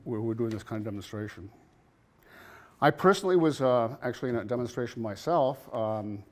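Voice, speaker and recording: A man in his sixties gives a halting speech at an anniversary gathering, sharing memories with many pauses and soft chuckles. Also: fairly low pitch. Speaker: alumnus speaking at an anniversary gathering. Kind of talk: personal reminiscence speech. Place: campus ministry house at a celebration.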